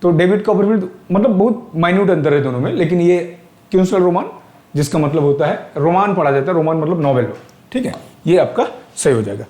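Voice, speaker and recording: A man's voice: fairly high pitch, animated, fairly quick, dark tone, reverberant. A male teacher with an Indian accent giving an exam-prep lecture. He explains step by step, asks questions aloud and works English terms into his talk.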